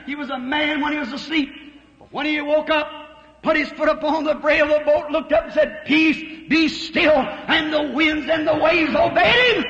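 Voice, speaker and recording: A man preaching an impassioned revival sermon, often shouting. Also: extremely high pitch, fairly even intonation, normal speed. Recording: old roomy dull recording with loud crowd noise. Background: congregation noise.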